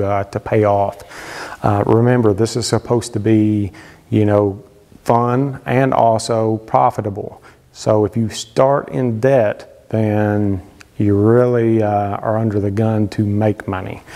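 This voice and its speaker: A man's voice: lowish voice, gravelly, darkish tone. A man in his thirties giving casual, conversational woodworking advice straight to camera, gesturing as he talks, from his home workshop. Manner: conversational, gestures a lot, frequent fillers. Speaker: woodworking channel host. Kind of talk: casual instructional talk to camera. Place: wood-paneled home workshop, indoors. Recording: long reverb from a workshop.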